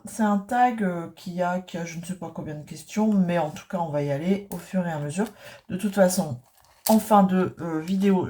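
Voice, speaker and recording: A woman's voice: fairly low pitch, a little mellow, a little hiss or hum. Woman, northern French accent, rambling, hesitant, chatty craft vlogger. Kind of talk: casual chat while tidying.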